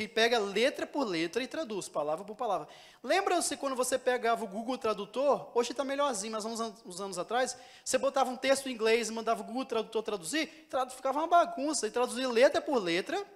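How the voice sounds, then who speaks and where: A male preacher with a Brazilian Portuguese accent and a very high voice delivers a teaching sermon in a church. He speaks conversationally, explaining through examples and putting questions to the congregation.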